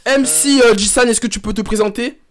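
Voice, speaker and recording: A young man hosting a casual livestream in a high, bright-sounding voice. He talks in a hyped, slangy and upbeat way as he runs the show. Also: a little fast. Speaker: host.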